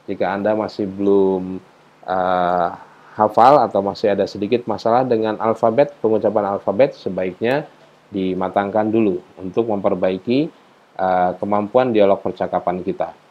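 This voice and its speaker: A man explaining English conversation phrases as a teacher, speaking slowly and carefully through each example. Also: fairly low pitch, steady tone. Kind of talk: language lesson narration. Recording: dull lo-fi recording.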